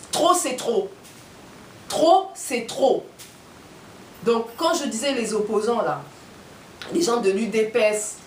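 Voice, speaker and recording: A woman's voice: fairly high pitch, echoey room, distant mic, a little hiss or hum. A woman giving an impassioned political and spiritual monologue, firing off rhetorical questions and repeating her points for emphasis. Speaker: activist speaker.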